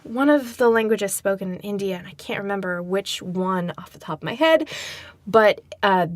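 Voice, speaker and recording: A woman's voice: mid-range voice, animated, normal speed, no echo. Chatty woman podcast co-host, dry sound. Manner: chatty, laughs easily, many fillers. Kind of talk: casual chat.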